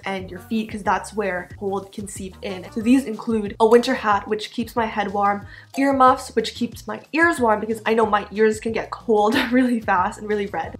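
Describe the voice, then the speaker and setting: Young woman, from the Philippines, chatty vlog tips, easy mid-height voice, faint music underneath. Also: mid-range voice. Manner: upbeat, chatty, laughs between words. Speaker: vlogger. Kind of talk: casual tutorial vlog.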